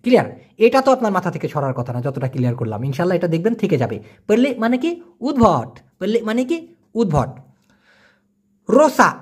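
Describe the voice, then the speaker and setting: A teacher talks through a relaxed vocabulary lesson in a husky, slightly breathy voice. The pitch swings up and down a lot. The teacher repeats each new word and jokes in self-mocking asides. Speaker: Malay language teacher. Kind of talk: casual spoken vocabulary lesson.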